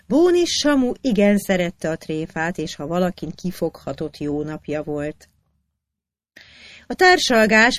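A narrator reading historical anecdotes aloud in an even storytelling manner. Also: medium pitch, no room sound.

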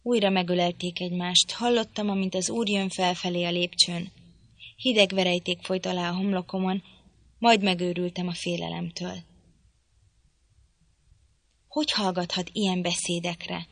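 Woman reading a novel aloud, low and dry. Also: little pitch movement, vocal fry, no echo. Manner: measured, storytelling. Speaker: narrator.

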